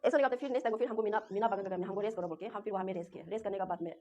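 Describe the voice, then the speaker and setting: Racing along in a mellow, medium-pitched voice, a young interviewee from Arunachal Pradesh, Northeast India, recounts her experience in the first person, rambling and repeating herself in distress. A local language is her mother tongue. The dull lo-fi audio carries a little hiss or hum.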